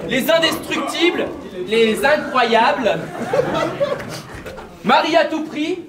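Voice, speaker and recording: Rapping a cappella at a live event, a battle rapper fires off brash, mocking punchlines, taking it slowly in an extremely high voice. The crowd reacts and laughs in an echoey venue recorded from a distant mic.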